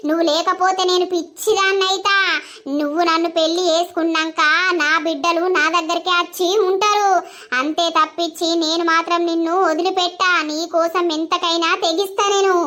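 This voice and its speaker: A woman's voice: extremely high pitch, pushed and bright. A woman voicing an obsessive, scheming village woman in a cartoon comedy, clingy and threatening, with a Telangana accent. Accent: Telangana Telugu.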